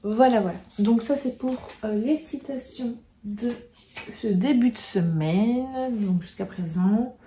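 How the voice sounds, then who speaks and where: A woman's voice: on the high side, takes it slowly, warm tone, a little hiss or hum. A French woman vlogging in a casual chat to camera, rambling and full of fillers and restarts. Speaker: book vlogger.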